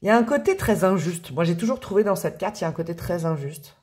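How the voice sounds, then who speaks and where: A woman's voice: fairly low pitch, expressive, fast talker, a little mellow. A woman giving a casual, chatty tarot reading, often hesitating and repeating her words. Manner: chatty, hesitant, repeats words, laughs and hums song lines. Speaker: tarot reader.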